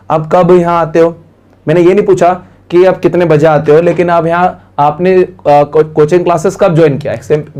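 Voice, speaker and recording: Man, Indian accent, English teacher, slightly raised pitch, quick explanations, slow clear example sentences, classroom lesson. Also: darkish tone. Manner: speaks directly to the students and prompts them to translate.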